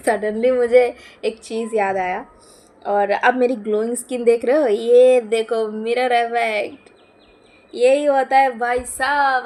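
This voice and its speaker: A young woman chats to her phone camera in a slightly high, unhurried voice. She rambles through a casual home vlog, giggling and stopping for fillers between thoughts. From West Bengal, India. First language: Bengali. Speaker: lifestyle vlogger.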